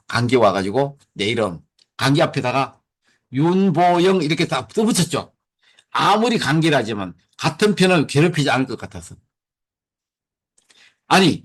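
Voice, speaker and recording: A middle-aged man gives a lecture on short poems in a homely, chatty way. His voice sits a little high and moves up and down widely. He keeps asking the audience questions and answering them himself. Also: husky. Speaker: poet giving a lecture.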